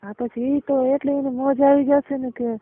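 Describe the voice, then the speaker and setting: The woman's voice is high-pitched with little pitch movement, at a moderate pace, and the recording is dry. She has a Gujarati accent and is explaining things in a casual, colloquial private phone chat, often confirming the listener follows. The call audio is muffled and narrowband.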